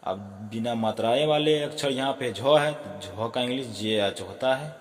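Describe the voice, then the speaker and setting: A man's voice: mid-range voice, moderate pace. Man teaching, loose and self-correcting, echoey room. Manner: repeats filler words, often apologizes and corrects himself. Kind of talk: casual spoken lesson.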